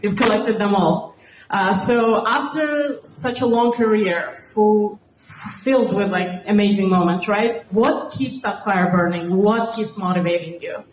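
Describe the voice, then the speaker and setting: A woman's voice: mid-range voice, unhurried. A woman reporter asks admiring, wordy and hesitant questions in a casual way at a press conference. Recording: echoey room, distant mic, faint noise.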